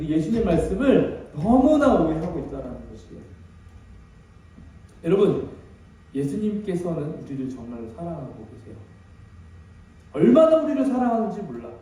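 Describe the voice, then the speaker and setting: A man's voice: sits high, mellow. A man preaching an emotional sermon as pastor, dramatic and emphatic, with many rhetorical questions. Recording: very echoey hall, distant mic.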